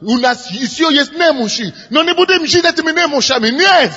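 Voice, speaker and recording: A pastor with a very high-pitched, sharp voice preaches at a normal speed, growing animated and fervent as he repeats phrases and leads the people in prayer. The recording is dull and lo-fi, made in a reverberant hall with music.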